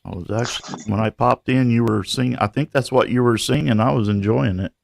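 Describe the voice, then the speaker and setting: A man's voice: medium pitch, fairly quick, creaky, slight background noise. A man hosting a live stream in casual chat, laid-back, calling everyone bro, a bit short of breath.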